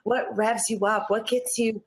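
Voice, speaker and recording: A slightly high voice with little pitch movement comes from a Canadian woman who talks a bit slowly. An interview guest and natural athlete, she was born in Newfoundland and grew up in Nova Scotia, and she sounds earnest and encouraging in this motivational chat.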